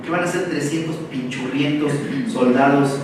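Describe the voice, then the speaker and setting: Speaking from a distance in a large, echoing seminar room, this Mexican lecturer talks with a Mexican Spanish accent in a slightly high male voice. He fires off quick rhetorical questions and slangy asides, and a faint hiss sits under the recording.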